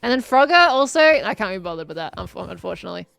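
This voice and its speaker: A woman's voice: medium pitch, sing-song, quick pace, vocal fry, a bit bright, dry recording, faint music behind. A woman streaming a game, chatting casually in a playful, teasing way. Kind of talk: casual chat while gaming.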